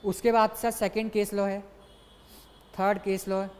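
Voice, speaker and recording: A young man gives an exam-prep lecture in a brisk, coaxing way, calling his students "sir" again and again and hammering key points through repetition. His voice carries a long, lingering reverb, as if recorded in a large hall. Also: high voice, little pitch movement. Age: young adult. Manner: repeats key points for emphasis. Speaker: exam tutor.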